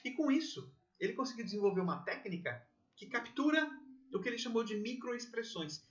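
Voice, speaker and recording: A man's voice: very high voice, a little fast. Chatty Brazilian man teaching exam prep. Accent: Brazilian Portuguese. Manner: chatty, peppers sentences with "tá?" and "né?"; animated, plays out little scenes with his voice. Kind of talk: informal classroom lecture. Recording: muffled, lo-fi recording.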